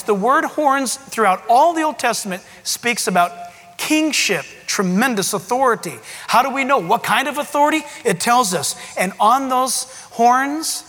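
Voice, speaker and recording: A male pastor preaching with a very high, lively voice that swings up and down as he gets excited. His delivery is emphatic and full of rhetorical questions. The sound is bright and ringing, carried on a long hall reverb. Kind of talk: sermon.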